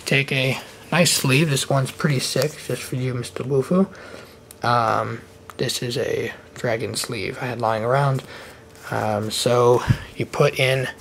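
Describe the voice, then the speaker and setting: A man's voice: mid-range voice, fairly even intonation, unhurried, gravelly, fairly bright tone. A man with a slight lisp from wearing a retainer, giving a casual, off-the-cuff hands-on tutorial. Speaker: trading card hobbyist giving a how-to. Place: indoor room at a desk. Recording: noticeable background noise, handling clicks.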